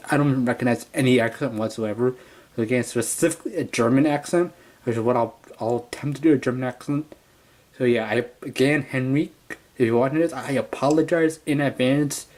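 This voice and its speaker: A man at a table at home walks through a toy review in an easy, unscripted way. His voice sits at a middle pitch. He rambles and often stops to correct himself mid-sentence. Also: a little mellow. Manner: rambling, self-correcting, loose and chatty.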